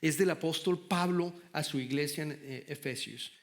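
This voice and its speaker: A man's voice: fairly high pitch, normal speed. A middle-aged man preaching a sermon with passion, repeating and restarting words. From Latin America. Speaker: pastor.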